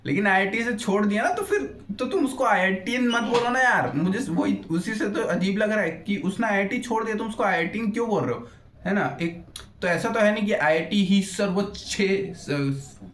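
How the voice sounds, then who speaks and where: A man's voice: high voice, normal speed, fairly bright tone. A young man and YouTuber ranting in an unscripted roast, blunt and crude, swearing freely and losing his thread as he rambles. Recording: echoey room.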